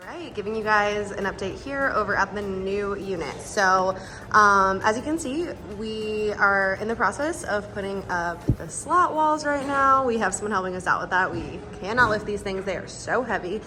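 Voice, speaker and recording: Bright-voiced woman giving a chatty vlog tour. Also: medium pitch, expressive, moderate pace, soft background music. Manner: informal, chatty, frequent "like". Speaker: vlogger and boutique owner. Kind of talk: casual vlog tour narration. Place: indoors in store units.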